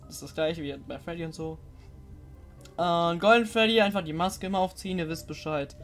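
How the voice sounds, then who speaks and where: A young woman streaming a horror game live, chatting with viewers, giggly and excitable, often laughing and shrieking. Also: on the low side, fairly quick, soft background music. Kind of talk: live-stream gameplay commentary.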